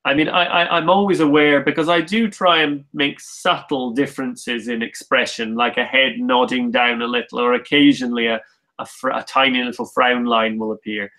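A man who creates comics, talking about his work in a relaxed, thoughtful, self-deprecating way with frequent restarts. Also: medium pitch, moderate pace, low-quality recording. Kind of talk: casual conversation.

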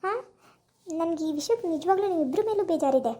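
A woman's voice: very high voice, expressive, fast, dark tone. A woman playing a caring young wife who scolds and presses a friend to make peace, asking question after question, in an amateur village drama. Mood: earnest.

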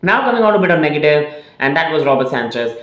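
A young man talks to the camera in casual fan analysis of a match, earnest and opinionated, leaning on "again" and "uh" as he works through his points. His voice sits a little high for a man. The small room around him adds a roomy echo. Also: sing-song, quick pace, a bit bright. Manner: opinionated, earnest, repeats phrases with many "again" and "uh" fillers. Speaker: football channel host.

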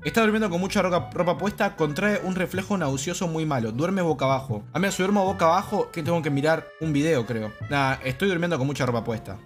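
A man's voice: fairly high pitch, fast, hardly any pauses, soft background music. A young man with an Argentine accent, a brash, profane streamer reading game text aloud and commenting. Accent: Rioplatense Spanish. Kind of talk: casual gameplay commentary.

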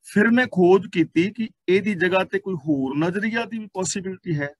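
A man with a Punjabi accent teaching scripture, reciting verses slowly and then explaining them line by line. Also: high voice, no room sound.

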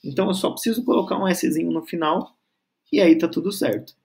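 A man's voice: fairly high pitch, vocal fry, a little mellow. A man teaching a grammar lesson, patiently stretching out syllables and checking in with the learner. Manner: patient, spells out syllables slowly, frequent "tá?" and "certo?" checks.

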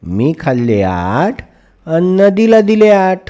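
A cheeky young girl speaks in a high, bright storybook voice, as a man puts her on. She sounds brash and a little loud. Her voice sits far above the narrator's own. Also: sing-song, slow, exaggerated voice.

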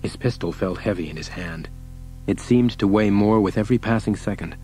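A man reads an audiobook as its narrator, in a steady and measured way. His voice sits fairly low. Faint music plays under his reading. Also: poor audio. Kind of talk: scripted narration.

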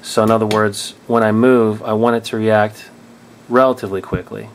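Guy w a lowish voice walking thru his drone settings at a table, keeps restarting n fixing what he said. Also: level tone, moderate pace. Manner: thinking aloud, frequent restarts and self-corrections. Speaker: drone hobbyist explaining settings. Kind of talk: casual tutorial explanation. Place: indoors at a table.

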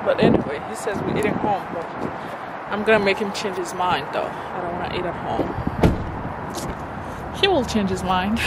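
A woman's voice: mid-range voice, moderate pace, pauses often. A woman, vlogging in a chatty, playful way outdoors by a car and at a mall. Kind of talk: casual vlog chat. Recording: street and car noise behind.

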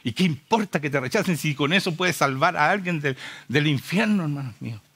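A man's voice: fairly high pitch, animated, brisk, fairly bright tone, slightly rough. A Chilean man preaching a sermon with urgent, impassioned rhetorical questions.

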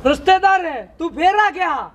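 A man acts an exasperated young brother-in-law in a comedy skit. His voice is very high for a man, with a Haryanvi accent, recorded outdoors with faint background noise. He sounds like a schemer stuck with an unwanted guest. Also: lively intonation, a little slow, muffled recording. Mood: dismayed. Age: young adult. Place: open concrete house courtyard, outdoors.

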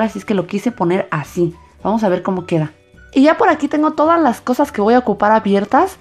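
Lady doing a kids craft vlog, chatty n excited, average pitch, bit of music behind her. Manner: excited, chatty, addressing young viewers. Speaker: host of a children's slime channel. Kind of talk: casual craft vlog, explaining as she goes.

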